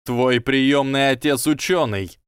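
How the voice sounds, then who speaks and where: A man voicing a proud young boy wizard who shouts and chokes with rage. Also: mid-range voice, slow pace, smooth, no room sound, studio quality, pitched above the performer's own voice. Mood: seething.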